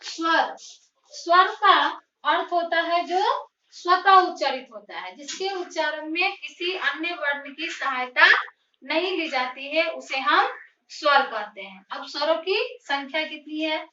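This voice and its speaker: A woman teacher giving a slow, deliberate grammar lesson, posing questions to her students and then answering them herself. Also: high-pitched, expressive, bright, forceful tone, recorded from a distance, a little hiss or hum. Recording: roomy, dull lo-fi sound, voice from off the mic.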